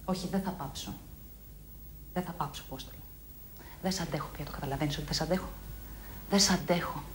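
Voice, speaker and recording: A woman's voice: sits low, roomy sound, a little hiss or hum, lightly acted. An actress playing a wife at the end of her patience with her husband, anguished and accusing. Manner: anguished, pleading then shouting. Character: wife Angeliki, bitter, fed up with husband. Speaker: actress in TV drama.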